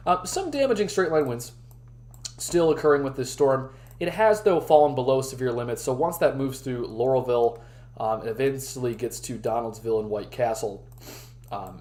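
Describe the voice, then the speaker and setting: A man hosting a live weather briefing stream, chatting with his viewers while his voice is going hoarse. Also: medium pitch, a little mellow. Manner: chatty, talks to the live chat. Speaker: weather livestream host.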